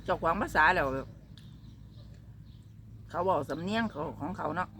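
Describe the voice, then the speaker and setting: A woman's voice: fairly low pitch, normal speed, a bit bright, a little hiss or hum. Older woman, Isan Thai accent, casual vlog chat, broken English phrases, faint birds outdoors. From northeastern Thailand. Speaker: vlogger.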